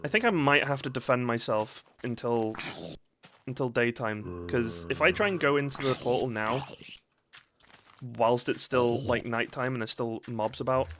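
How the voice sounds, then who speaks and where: A man's voice: mid-range voice, moderate pace, fairly bright tone, a little hiss or hum. A man streaming a survival game, chatting to viewers and yelping at sudden scares. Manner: jumpy, reacts with sudden yelps and chatty asides to chat. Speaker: gaming streamer. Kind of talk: live gameplay commentary.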